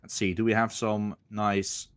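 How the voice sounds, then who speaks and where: A man's voice: lowish voice, flat delivery, measured pace, smooth. Male esports caster, clipped live play-by-play. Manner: esports caster delivery, short clipped phrases.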